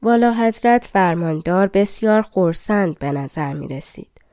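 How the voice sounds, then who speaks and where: A woman narrating a fairy-tale audiobook in a calm, colloquial storytelling manner, close to the mic. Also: medium pitch, no echo.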